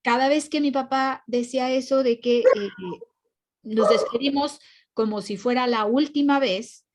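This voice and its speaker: A woman's voice: high voice, steady tone, measured pace, a little mellow. A woman, a Buddhist teacher telling a personal story in an earnest, casual way. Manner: storytelling, earnest, restarts often. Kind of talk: casual dharma talk.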